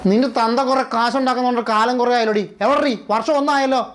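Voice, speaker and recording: Someone playing a drunk husband yelling fast and mean. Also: medium pitch, steady tone, over music, close to an everyday voice. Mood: angry. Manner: shouting, threatening. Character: drunk, abusive young husband.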